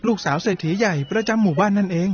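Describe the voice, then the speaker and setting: A man's voice: high-pitched, rapid-fire, lightly acted. A man playing a naive young brahmin in love in a dramatised story, flustered and stammering. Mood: shy, surprised. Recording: dull lo-fi audio with clear music behind.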